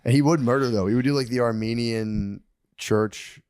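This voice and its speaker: A man's voice: mid-range voice, normal speed, darkish tone, clear, resonant tone, no echo. Man rambling profanely in a dry room. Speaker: comedian podcast host. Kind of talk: casual chat.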